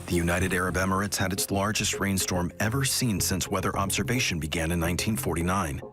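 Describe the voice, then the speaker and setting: Brief: low male narrator, measured news read, heavy music underneath. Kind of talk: scripted narration. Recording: loud music bed behind voice.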